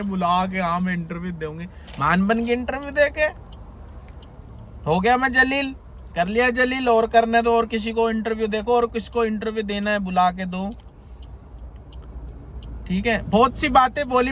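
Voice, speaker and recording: Indignant high-voiced man ranting from his car. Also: fairly bright tone, slight background noise. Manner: indignant, rambling, repeating himself. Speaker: content creator. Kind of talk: agitated vlog rant to viewers. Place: in a car on a highway.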